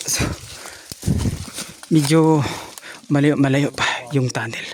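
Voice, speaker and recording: A man's voice: medium pitch, slow pace, darkish tone, a little hiss or hum. A man hiking up a forested hillside, vlogging casually and exclaiming to his viewers while out of breath.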